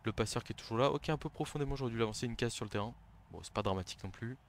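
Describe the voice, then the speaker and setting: A man commentating his own board game match live, talking tactics under his breath and shouting when a play succeeds or fails. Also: mid-range voice, very fast, slight background noise. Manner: excitable, shouts on big plays, then murmurs tactics. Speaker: gaming commentator.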